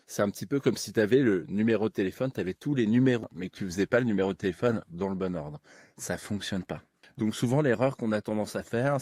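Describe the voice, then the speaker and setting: A man's voice: on the low side, darkish tone, no echo, studio quality. A man working as a hypnosis coach, giving encouraging, informal step-by-step instructions and guided exercises straight to the listener. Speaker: hypnosis coach and video host.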